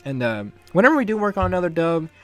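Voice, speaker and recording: Talking quickly in a high, sing-song voice, a young fan dub creator rambles through enthusiastic behind-the-scenes commentary, chuckling frequently. Music plays beneath him.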